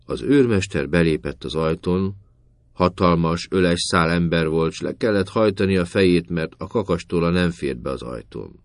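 A man reading a story aloud in a calm, measured way. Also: deep voice, no room sound, studio quality. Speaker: narrator.

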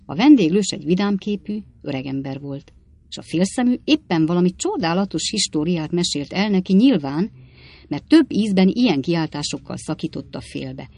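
A woman narrating an audiobook in a measured, even reading on a close mic. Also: on the low side, no room sound.

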